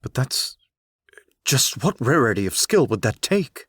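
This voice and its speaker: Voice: mid-range voice, sing-song, measured pace, a bit bright, husky, no room sound, exaggerated voice. An actor playing a guarded, wary male hunter in an audiobook, with clipped, brooding delivery. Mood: puzzled. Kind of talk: audiobook character reading. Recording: dry.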